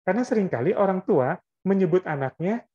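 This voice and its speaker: A man's voice: high voice, lively intonation, fast talker, lo-fi sound, very noisy. A man giving an Islamic parenting lecture, explaining in a conversational way and often adding little checking tags.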